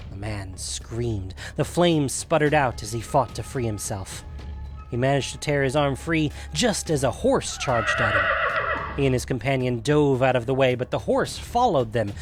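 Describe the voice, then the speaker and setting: This is a scripted fantasy narration by a man whose pitch sits in the middle range. He speaks with measured drama while quiet music plays in the background.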